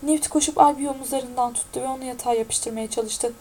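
A woman narrating an audiobook in a steady, even-toned reading. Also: high voice, fast talker, slight background noise, rough recording.

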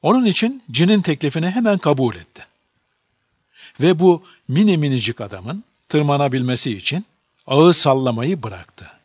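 A man narrating a children's storybook aloud in a lively, expressive reading. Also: a little high, normal speed, dry recording. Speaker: audiobook narrator. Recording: dull lo-fi dry recording.

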